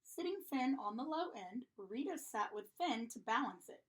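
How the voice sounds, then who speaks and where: Lively woman reading a children's story. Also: a little high, normal speed. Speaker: storybook reader. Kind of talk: children's story read-aloud.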